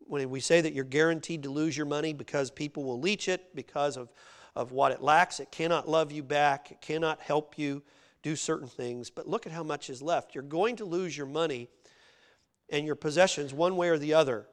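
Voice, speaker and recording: A man preaching a sermon, dropping to quiet low passages and then rising loud and emphatic. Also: normal speed.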